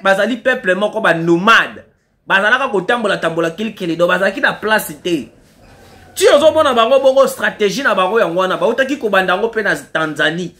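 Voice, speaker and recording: A man with a Congolese French accent gives fiery political commentary in a high, slightly bright voice that jumps up and down in pitch. Pressing his argument hard and repeating key lines for emphasis, he sounds like a commentator speaking to his online audience.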